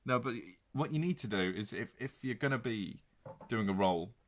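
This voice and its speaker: A man's voice: medium pitch, expressive, a little fast. A man co-hosting a podcast in casual, sweary, teasing banter. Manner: sweary, mocking banter, slips into silly voices. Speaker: podcast co-host. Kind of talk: casual chat.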